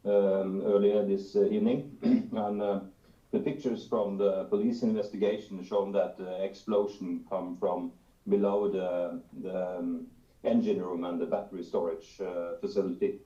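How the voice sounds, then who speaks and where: A man's voice: deep voice, little pitch movement, measured pace, mellow. A man from Norway, a firefighter who adds a comment from the audience and talks hesitantly, with many fillers. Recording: echoey, dull remote audio.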